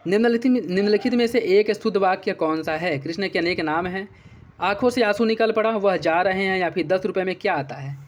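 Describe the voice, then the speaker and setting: Guy going over test answers, kinda high voice, keeps saying okay. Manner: repeats answers with "ठीक है" checks. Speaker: exam prep teacher.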